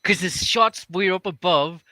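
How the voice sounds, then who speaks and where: An Irish man with a fairly high, bright voice, co-hosting a relaxed chat and laughing a lot. The sound is dry and close. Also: measured pace, no room sound. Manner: chatty, laughs often, repeats himself. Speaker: co-host. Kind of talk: casual chat.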